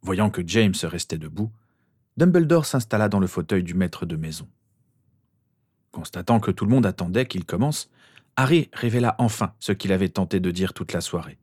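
Male audiobook reader, low voice, steady delivery, dry recording. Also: normal speed, breathy edge, no room sound. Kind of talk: audiobook narration of fan fiction.

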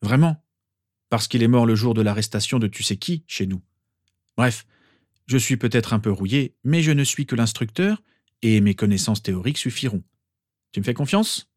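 A man's voice: medium pitch, moderate pace, a little mellow, no echo, studio quality, natural voice. A man voicing an amused, protective father in a storybook reading, with a fatherly tone.

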